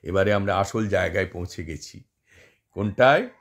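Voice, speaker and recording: A teacher lectures on Bengali poetic meter in a low-pitched, expressive voice at a moderate pace. He explains step by step, repeating examples and asking his listeners rhetorical questions.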